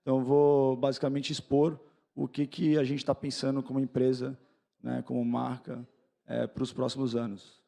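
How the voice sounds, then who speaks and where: A Brazilian man giving an informal, unscripted talk at an event, sounding hungover, low-key and candid. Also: flat delivery, moderate pace, vocal fry, mellow. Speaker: guest speaker, business founder. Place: on stage at an event, talking to an audience.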